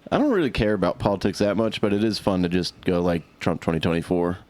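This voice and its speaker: A man's voice: sits low, animated, fast talker, a little mellow. A young man co-hosting a comedy podcast, rambling in casual chat and often laughing through his words. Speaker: podcast co-host.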